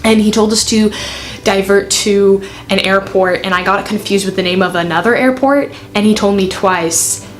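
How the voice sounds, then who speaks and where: Casting: woman, twenties, mid-pitched, candid and self-deprecating, casual chatty storytelling to camera. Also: steady tone, moderate pace. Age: 20s. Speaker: student pilot vlogger. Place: bedroom, indoors.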